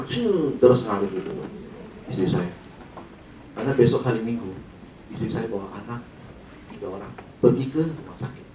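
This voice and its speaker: A man's voice: mid-range voice, warm tone, a little hiss or hum. A man leading a sales training, telling a dramatic story and asking the audience questions, heard in a dull, roomy recording from a distant mic.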